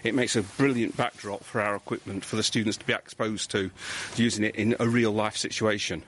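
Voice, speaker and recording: A man, a civil engineering lecturer, answering interview questions outdoors in a measured, explanatory way with frequent restarts. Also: on the low side, steady tone, fairly bright tone, slight background noise. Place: outdoors on a hillside street.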